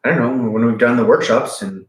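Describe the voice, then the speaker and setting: A man co-hosting a casual book discussion who talks haltingly, searches for his words and swears. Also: mid-range voice, echoey room. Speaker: podcast co-host.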